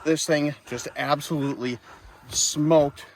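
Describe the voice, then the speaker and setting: A man's voice: on the high side, steady tone, takes it slowly. A man chatting enthusiastically on a fishing trip outdoors on a lake, often a little breathless. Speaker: fishing buddy. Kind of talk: casual outdoor chat. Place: out of doors on a boat on a lake. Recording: light outdoor noise.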